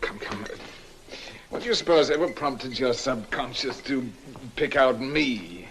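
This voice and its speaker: A wry, urbane American scholar. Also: male voice, mid-range voice, expressive, measured pace, noisy background. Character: suave middle-aged American scholar host, wry. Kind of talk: 1960s film acting.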